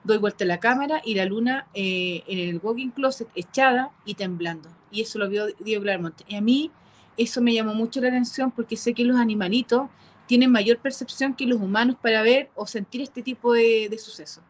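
A woman telling a frightening personal experience, halting and repeating herself with nervous laughs. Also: a little high. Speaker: caller telling a paranormal experience. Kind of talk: emotional first-person storytelling.

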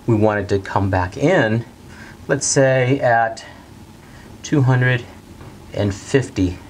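A middle-aged man teaching a technical lesson at a whiteboard in a studio, talking plainly and steadily and repeating the key steps slowly. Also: on the low side, a little hiss or hum. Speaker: HVAC instructor. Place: bright indoor studio at a whiteboard.

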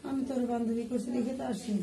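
Mellow, higher-voiced woman, far from the mic. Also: fairly even intonation, fast, creaky. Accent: Bangladeshi regional Bengali. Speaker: woman speaking as a possessing jinn. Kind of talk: colloquial spoken conversation. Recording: distant mic, faint background noise.

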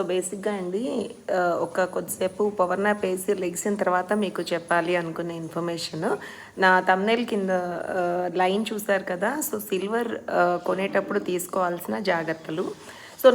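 A woman's voice: medium pitch, fairly even intonation, moderate pace, creaky, slight background noise. A woman chatting casually to her viewers in a home vlog, mixing in English words. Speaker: vlogger.

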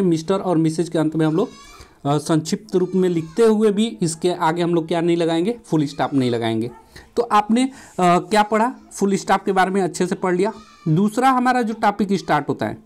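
A man's voice: high voice, a little mellow. A man teaching a punctuation lesson at a board, asking questions and answering them himself, repeating key phrases. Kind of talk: classroom lecture at a board.

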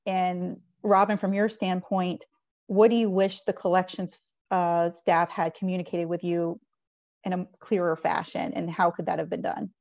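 Panel moderator, woman, low flat delivery, dry muffled call audio. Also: moderate pace, creaky, dry recording. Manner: brief, even questions. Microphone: video call.

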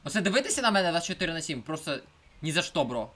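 A young man giving casual let's-play commentary, swinging between mumbled asides and shouted outbursts. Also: on the high side, big pitch swings, rapid-fire. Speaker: gameplay streamer.

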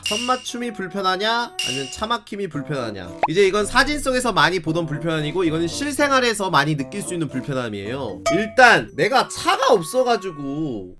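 A man streaming casual reaction commentary, exclaiming and grumbling with animated energy. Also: high voice.

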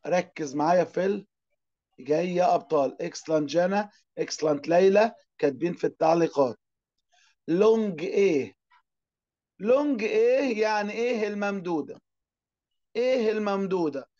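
A man with an Egyptian Arabic accent teaching an online class. He asks and answers his own questions and draws out English words slowly. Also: sits high, dark tone, muffled recording.

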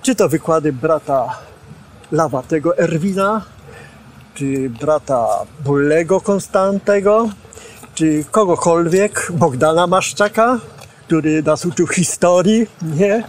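Older man, high voice, animated storyteller, outdoors, boom mic, faint ambience. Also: takes it slowly, a little hiss or hum. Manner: animated storyteller, gestures while speaking, acts out quotes. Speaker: former student and preacher recalling his teachers. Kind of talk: reminiscing interview. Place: outdoors on a campus lawn. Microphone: boom microphone.

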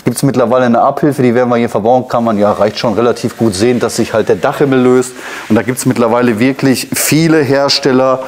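A man's voice: mid-range voice, brisk, a little hiss or hum. Forties guy w ruhr german accent, car dealer chatting through a used car, lots of little "ne?" asides, lapel mic in a showroom. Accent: German, Ruhr area. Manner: chatty, frequent filler tags and asides to viewers. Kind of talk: casual car walkaround presentation.

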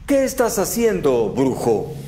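A man's voice: a little high, big pitch swings, a little slow, mellow, in a large hall, slight background noise. A man reading as a wry archmage. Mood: taunting. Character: wry, confident male archmage.

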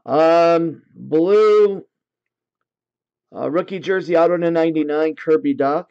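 A man's voice: fairly high pitch, slow, vocal fry, darkish tone, smooth, highs cut off. A man hosting a livestream card break, casually reading out card names in lists and talking to his viewers.

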